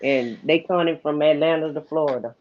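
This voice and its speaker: On a livestream call, a woman with a low voice talks a little fast, offering colloquial, opinionated gossip commentary as co-host. The audio is muffled and lo-fi.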